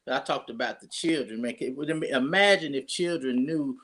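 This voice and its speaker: A man's voice: mid-range voice, moderate pace, fairly bright tone. A pastor, talking casually and rambling through his introduction of a guest with many restarts.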